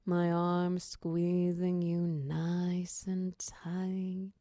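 A woman playing a tender, protective partner in an ASMR role-play, speaking softly and soothingly right into the listener's ear. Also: fairly low pitch, completely flat delivery, no room sound. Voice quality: soft, breathy soft voice. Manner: intimate, close-up delivery right in the listener's ear; slow, soothing, reassuring. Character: tender, protective female partner soothing a nightmare-shaken lover. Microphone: very close, dry microphone.

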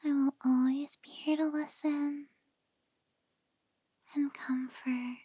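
Woman acting as loving gf ASMR role-play, right in your ear, super slow n soothing, high soft voice, lulling you to sleep. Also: little pitch movement, no room sound. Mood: tender, reassuring. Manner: close, right in the listener's ear. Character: tender, reassuring female partner lulling a loved one to sleep.

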